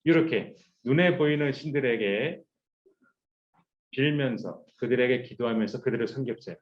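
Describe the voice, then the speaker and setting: A male pastor gives a sermon to a youth group, animated and telling the story with a lot of expression. His voice sits in the middle range. The recording sounds dull and lo-fi. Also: mid-range voice, normal speed. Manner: animated, acting out quoted voices, leading group reading.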